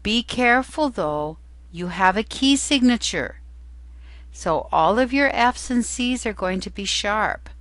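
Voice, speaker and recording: A woman's voice: mid-range voice, animated, a little slow, fairly bright tone, dry recording. A woman teacher giving an instructional lesson, explaining patiently and carefully, step by step. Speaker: music theory teacher.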